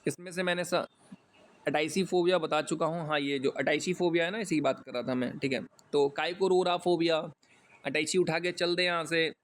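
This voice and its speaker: A man's voice: on the high side, steady tone, moderate pace. A man with an Indian accent giving a casual vocabulary lesson, chatty with jokey asides and some stumbles over long words. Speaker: exam English teacher.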